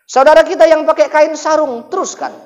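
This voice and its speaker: A man preaching at a mosque gathering, telling a humorous story in a lively, animated way and often calling out to his listeners. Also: very high-pitched, brisk, dull audio. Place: mosque gathering after dawn prayer.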